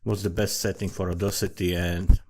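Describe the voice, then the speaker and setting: A Slovak storyteller and amateur writer, with a Slovak accent, rambles through casual commentary in a profane, self-mocking, digressive style. His voice is deep and flat, a little fast, recorded on a desktop USB condenser microphone against a noisy background.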